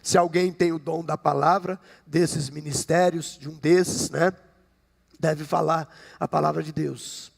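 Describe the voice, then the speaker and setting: A man's voice: high-pitched, vocal fry. A man in his fifties from Brazil, a pastor preaching a conversational sermon to his congregation, often checking in with "né?". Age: 50s. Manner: conversational preaching with frequent "né?" and jokes. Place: church sanctuary. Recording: long hall reverb.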